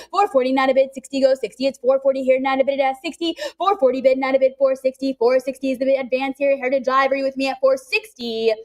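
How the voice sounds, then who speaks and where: A woman working as an auctioneer, briskly calling live bids in a repetitive chant, urging bidders on and adding chatty asides. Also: high-pitched.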